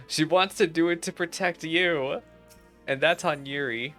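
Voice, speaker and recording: A game streamer with a fairly high, slightly bright voice talks at an unhurried pace, giving casual, chatty commentary on his playthrough. He reacts in a playful, slangy way and reads dialogue aloud, with game music playing behind him.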